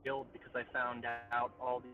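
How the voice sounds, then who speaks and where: A man's voice: mid-range voice, monotone, fairly quick, lo-fi sound, faint music behind. A man chatting casually as an online game player, his voice cutting out and sounding like it comes from down a well. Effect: choppy, cutting-out voice chat that sounds like it comes from down a well. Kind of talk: casual voice chat.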